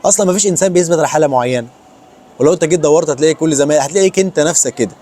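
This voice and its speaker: Rapid-talking Egyptian young man. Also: fairly high pitch. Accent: Egyptian Arabic. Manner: rapid, animated, mixes English words into Arabic. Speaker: vlogger. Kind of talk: casual advice vlog.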